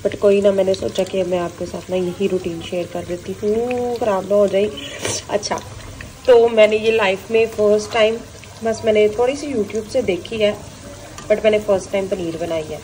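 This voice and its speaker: A hoarse woman with a sore throat, chatting casually through a cooking vlog in her home kitchen, filming on a handheld phone. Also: mid-range voice, fairly even intonation, normal speed, mellow, a little hiss or hum, low-quality recording. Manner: chatty, often adds a polite "okay ji". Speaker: vlogger.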